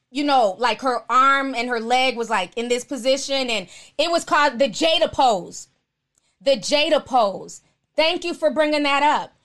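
A very high-pitched woman talks casually as host of her own live stream. She is sassy and outspoken, answering commenters bluntly and with plenty of slang. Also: a bit bright.

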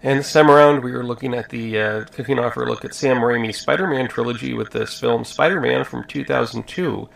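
Guy hosting a movie podcast, creaky voice, middle pitch, kinda halting. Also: a bit bright, low-quality recording. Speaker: podcast host. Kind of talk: casual film discussion.

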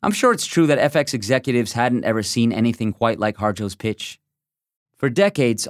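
A man reads a first-person magazine essay aloud as scripted narration, in a measured and reflective way. His voice sits in an ordinary middle register, and the recording is close and dry with no echo or room sound.

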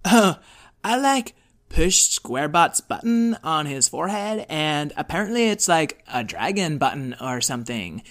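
A man's voice: on the high side, very animated, unhurried, a bit bright. A man voicing a laid-back, mopey young robot who talks in a hesitant slacker drawl for a children's story. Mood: casual, sheepish. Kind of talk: character voice in a children's audio story.

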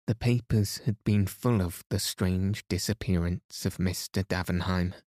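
A man narrating a sleep story in a calm, soothing and gently guiding manner. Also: low voice, no echo, studio quality. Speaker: sleep podcast host and narrator.

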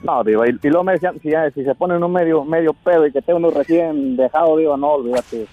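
A man's voice: fairly high pitch, quick pace, phone-quality sound, soft background music. A man with a Mexican accent co-hosting a radio show, rambling and repeating words as he tells stories. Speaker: radio co-host. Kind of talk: casual radio banter.

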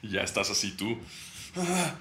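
A young Mexican man co-hosting a podcast, joking around and laughing a lot, sometimes breaking into loud mock shouting. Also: medium pitch, lively intonation, brisk. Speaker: podcast co-host. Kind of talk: casual comedic chat.

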